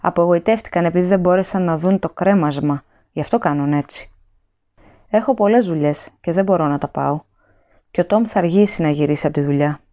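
A woman's voice: lowish voice, dark tone, natural voice. A woman voicing a weary, nervous middle-aged housewife who speaks limply and fretfully, in an audiobook reading. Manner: limp, listless, fretful.

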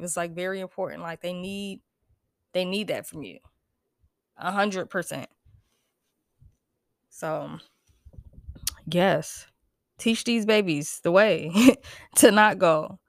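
A young American woman hosts a solo podcast in a lowish, unhurried voice with vocal fry and long pauses. She sounds stuffy and congested, talking casually yet emphatically, getting a bit preachy and laughing often. The recording is studio quality with no room sound.

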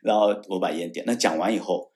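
A man's voice: deep voice, fast talker. A man from Taiwan, a former military judge advocate, tells a story in a casual interview. He acts out the dialogue he quotes, often restarts his words and repeats them. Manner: animated storyteller who acts out quoted dialogue, shouting the angry lines.

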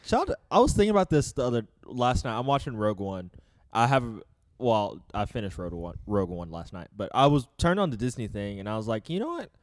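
A young man in his twenties co-hosting a podcast, chatting casually and rambling with enthusiastic shout-outs. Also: on the low side, big pitch swings, a little fast, dry recording, studio quality. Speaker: podcast co-host. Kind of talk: casual chat.

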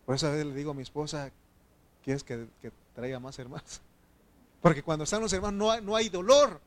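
A pastor preaches a sermon with fervor, his voice fairly high and a little fast. He calls his listeners brother and keeps putting questions to the congregation.

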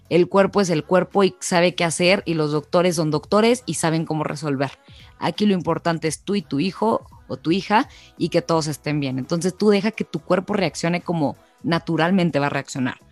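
A woman's voice: lowish voice, no room sound. Mexican woman, young adult, chatty storyteller, dry close sound, faint music behind. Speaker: podcast co-host. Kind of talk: casual chat.

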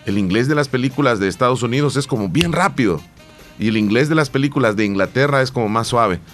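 A man from El Salvador co-hosts a relaxed talk show. He rambles and circles back, often repeating a word before he finishes his thought. Faint music plays behind him. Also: mid-range voice, fast. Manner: rambling, repeats words and restarts. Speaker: podcast co-host. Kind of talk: casual radio-style chat.

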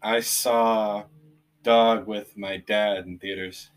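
Male co-host, casual podcast chat, laid-back, halting with frequent "um"s. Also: lowish voice, flat delivery. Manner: easygoing, many "um" pauses, recommends and plugs.

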